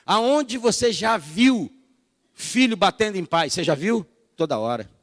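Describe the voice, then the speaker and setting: A man's voice: high-pitched, expressive, a little slow, fairly bright tone. A middle-aged man from Brazil, a pastor preaching in a conversational, storytelling way, calling the congregation brothers. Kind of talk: sermon. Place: church hall. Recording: echoey church hall.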